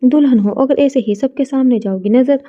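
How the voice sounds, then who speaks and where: A woman voicing a loving but firm elderly grandmother, speaking gently and with authority. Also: sits high, fairly quick, muffled recording, natural voice. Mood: firm, gentle.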